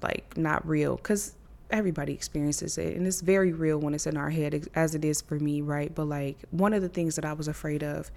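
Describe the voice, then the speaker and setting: A woman's voice: sits low, steady tone, brisk, creaky, darkish tone. A young woman hosting her own podcast from her living room, talking casually and candidly into a handheld mic, cursing freely and laughing often. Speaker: podcast host. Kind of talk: casual solo podcast talk.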